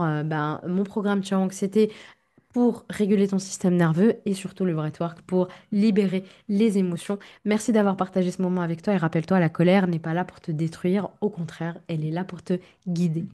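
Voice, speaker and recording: A woman's voice: mid-range voice, dark tone. A woman hosting a self-help podcast, talking straight to the listener and checking in with "ok?". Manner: direct, speaks straight to the listener with frequent "ok?". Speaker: therapist and podcast host.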